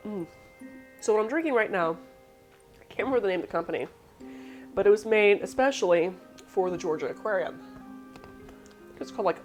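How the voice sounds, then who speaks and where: A woman hosting a casual live cooking demo, rambling and self-deprecating while snacking between steps. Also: medium pitch. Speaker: cooking show host.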